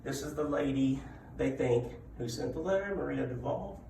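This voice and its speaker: Guy telling spooky local legends in a casual talk, kinda gravelly, picked up far from the mic in a boomy room. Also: normal speed, dark tone. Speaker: public speaker telling local ghost stories. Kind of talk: informal live storytelling talk on local legends. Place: indoor room at a library talk. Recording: echoey room from afar, background noise.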